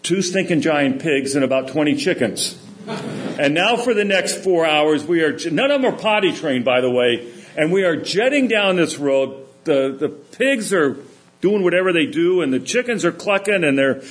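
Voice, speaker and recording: A middle-aged man giving a sermon, telling stories in a relaxed, conversational way. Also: a little high, normal speed. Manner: anecdotal, conversational storytelling. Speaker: preacher. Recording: echoey room.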